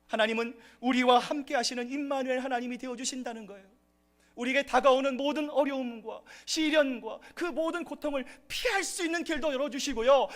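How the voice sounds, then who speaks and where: A man's voice: very high-pitched, sharp tone. A man preaching a sermon as pastor at a church service, addressing the congregation and rising into impassioned outbursts.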